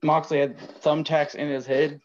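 A man's voice: fairly high pitch, flat delivery, unhurried. Easygoing man co-hosting, lo-fi sound. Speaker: podcast co-host. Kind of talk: casual chat. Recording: dull lo-fi sound.

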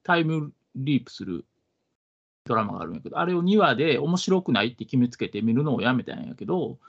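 Male podcast co-host, Kansai accent, husky and lively in pitch, hesitant chatty delivery, slightly lo-fi sound. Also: fast. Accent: Kansai Japanese. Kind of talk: casual podcast chat. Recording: dull, lo-fi audio.

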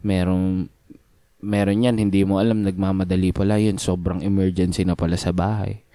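A man casually telling a road-rage story on a podcast, acting out what people said with lively jumps in his voice. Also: moderate pace, no echo. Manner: animated, acts out quoted lines with big pitch jumps. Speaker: podcast co-host.

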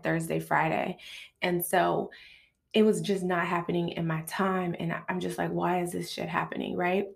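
A woman's voice: on the low side, vocal fry. A woman in her late thirties hosting a casual, confiding solo podcast, recorded in a bathroom. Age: late 30s. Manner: informal, confiding, conversational. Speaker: podcast host.

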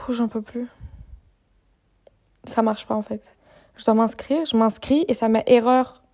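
Young woman podcasting solo, kinda high but mellow voice, chatty and fed up, laughs at herself. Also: fairly even intonation, takes it slowly, long pauses. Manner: chatty, self-mocking, exasperated. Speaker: podcast host. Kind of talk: casual chat.

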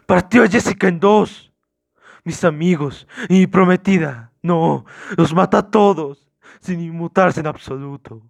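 A hysterical, terrified suspect in a homemade horror story, as the narrating man puts him on. He stammers and pleads, his voice climbing high and loud. The recording is dry and close. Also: a little slow, gravelly, pauses often, dry recording. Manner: stammering, pleading, rising to frantic shouts. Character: terrified man under police questioning, hysterical.

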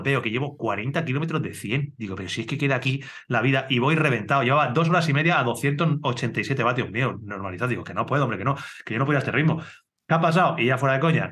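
A man's voice: mid-range voice, a bit bright. A man on a podcast, joking and defending himself in casual banter with friends. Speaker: podcast co-host. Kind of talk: casual chat.

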